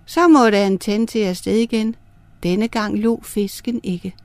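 A woman narrating star myths and a fairy tale for children, reading in a clear, gentle way. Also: medium pitch, fairly even intonation, dry recording. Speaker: storyteller.

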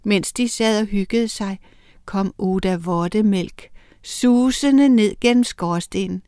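A woman reading a children's story aloud in a lively, expressive way. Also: mid-range voice, clean tone, no room sound, studio quality.

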